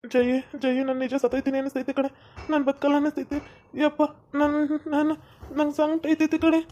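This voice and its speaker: A woman's voice: high voice, level tone, mellow, muffled recording, lightly acted. Woman playing a moaning sick village husband. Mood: groaning.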